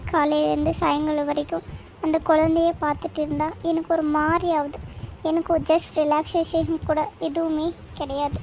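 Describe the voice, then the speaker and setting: A woman's voice: sits high, gravelly, a little mellow, a little hiss or hum. A woman voicing a tired young mother in a cartoon, tearful, complaining and snapping back. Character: young new mother, weary and fed up. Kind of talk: cartoon voice acting.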